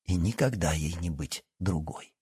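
A man narrating a story in an even, measured reading voice. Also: deep voice, slightly rough, no echo, clean studio sound. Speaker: audiobook narrator.

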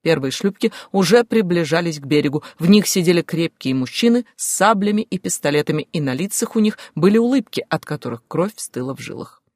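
A woman reading a first-person audiobook in a measured, even way. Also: lowish voice, dry recording, studio quality. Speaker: audiobook narrator. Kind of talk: scripted first-person narration.

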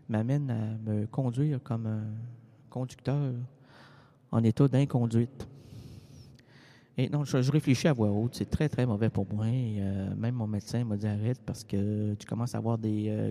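A man's voice: mid-range voice, warm tone. A man with a Quebec French accent hosting a comic radio show, rambling through puns and sudden vocal swings. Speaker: radio host. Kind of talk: absurd comic radio monologue with wordplay. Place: radio studio.

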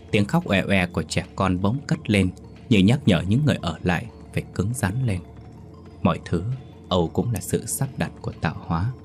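A man reading a ghost story aloud in scripted narration, steady and solemn. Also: deep voice. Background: faint music.

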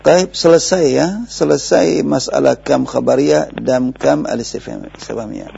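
Heard over a dull lo-fi radio broadcast with faint hiss, a man with an Indonesian accent patiently explains Arabic grammar and quizzes his student step by step. His medium-pitched voice is gravelly, dark, and husky, and he speaks a little slowly.

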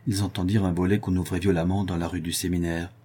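Male audiobook narrator, low voice, husky, steady measured reading. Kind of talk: scripted narration of a historical novel.

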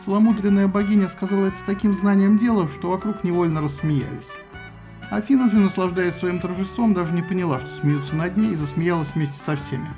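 Guy reading a funny myth audiobook, wry and lively, kinda gravelly. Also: high-pitched, fast, music in the background. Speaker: narrator. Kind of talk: humorous audiobook narration.

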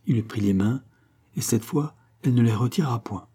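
A man giving a measured, dramatic narration of a classic novel. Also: medium pitch, dark tone, husky. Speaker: audiobook narrator. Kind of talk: scripted narration.

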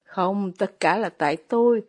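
A woman's voice: medium pitch, pitched below the performer's own voice, close to an everyday voice. A woman voicing a remorseful young man. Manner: pained, halting.

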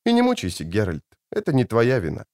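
A man voicing a spirited, sharp-tongued teenage girl in a fantasy audiobook. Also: mid-range voice, huge pitch swings, fairly quick. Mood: gentle. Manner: pert and teasing.

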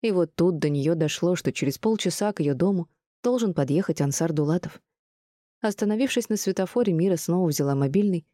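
A woman narrating an audiobook in steady, scripted storytelling. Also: deep voice, dry recording, studio quality.

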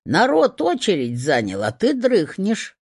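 A woman's voice: medium pitch, huge pitch swings, measured pace, a little mellow, husky, dry recording, studio quality, pitched above the performer's own voice, exaggerated voice. A woman voicing a grumpy, bossy talking hut in a storybook reading, grumbling and scolding.

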